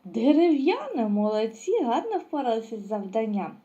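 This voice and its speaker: A woman's voice: fairly high pitch, sing-song, moderate pace, dark tone, muffled recording. A woman teaching a lesson to young children, asking questions and answering them herself with praise. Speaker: preschool teacher.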